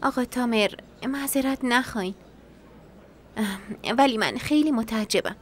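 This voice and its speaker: A woman's voice: a little high, natural voice. A woman dubbing a worried loyal friend. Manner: worried, earnest. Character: worried woman, longtime friend of the troubled heroine. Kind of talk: Persian dub of a TV drama.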